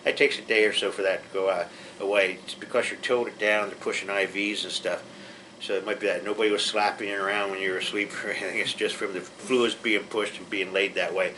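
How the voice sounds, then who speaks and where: A man's voice: on the low side, steady tone, fairly quick, pushed and bright, a little hiss or hum, poor audio. A man teaching a pre-surgery class, explaining things in a plainspoken, reassuring way with frequent restarts. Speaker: patient educator.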